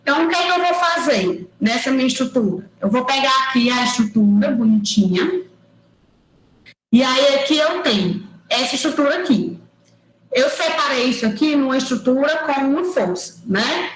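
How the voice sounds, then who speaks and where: A woman lecturer giving an online engineering class, explaining step by step and checking in with quick tag questions. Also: high voice, animated, echoey room, rough recording. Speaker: university lecturer. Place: room at home or office, recorded over a digital platform. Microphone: computer mic on a video call.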